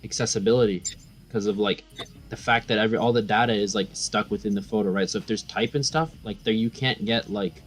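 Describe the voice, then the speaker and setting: A man's voice: on the low side, steady tone, fairly quick, a little hiss or hum. A man in casual conversation with friends, speaking informally and slangily as a podcast co-host. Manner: informal, slangy, like-heavy speech.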